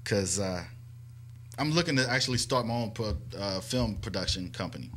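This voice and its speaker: A fairly low-voiced man from New Jersey chats easily as a guest on a local radio show. He talks in a relaxed, storytelling way. A faint hiss sits under his voice. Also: normal speed. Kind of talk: casual radio chat.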